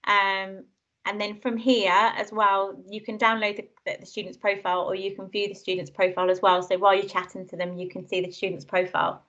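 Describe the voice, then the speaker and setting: A woman heard over a video call, explaining software step by step in a casual, chatty way. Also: mid-range voice, level tone, a little fast. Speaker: trainer demonstrating software. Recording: muffled video call audio.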